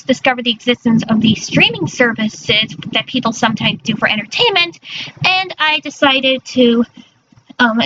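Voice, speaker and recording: A woman chatting casually on a livestream in a cute, girlish anime-streamer manner, often stumbling over her words. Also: high voice. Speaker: streamer, virtual character persona. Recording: dull lo-fi mic with faint noise.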